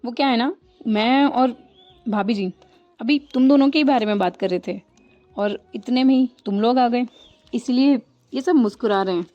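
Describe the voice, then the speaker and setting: A woman's voice: a little high, moderate pace, lo-fi sound, faint music behind, close to an everyday voice. A woman doing a cheerful joking mother. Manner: light, joking.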